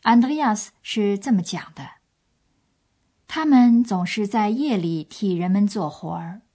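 A woman's voice: mid-range voice, measured pace, dark tone. A woman presenting a language course with scripted, explanatory storytelling narration.

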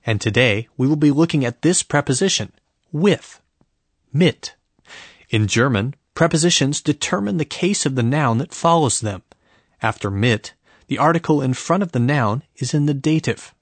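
A man delivers a scripted language lesson as a professor. His medium-pitched voice is husky and measured, explanatory in tone, recorded very dry. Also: expressive, no room sound.

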